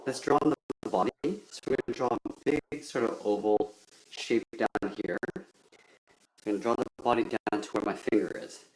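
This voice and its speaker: This drawing tutorial comes from a man whose voice is lowish and a little mellow, at normal speed. His instructions are simple and methodical, and the audio carries a roomy echo plus faint noise.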